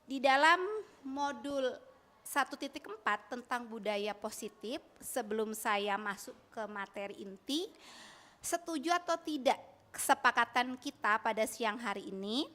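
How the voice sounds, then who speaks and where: A woman's voice: a little high, expressive, measured pace, bright, forceful tone. Upbeat Indonesian woman teacher presenting. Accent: Indonesian, from Bandung. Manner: upbeat, asks audience for replies. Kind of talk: school training presentation.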